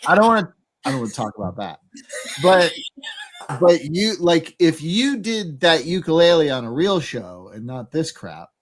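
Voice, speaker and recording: Animated, rambling man in casual chat. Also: a little high, moderate pace, slight background noise. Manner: rambling, laughs often, many fillers. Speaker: podcast co-host.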